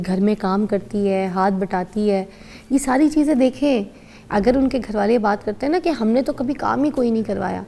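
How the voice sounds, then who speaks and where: A middle-aged woman with a Pakistani accent hosts a morning TV show, chatty, teasing, and full of opinions. Her fairly high voice is gravelly yet mellow, and the studio chat carries slight background noise.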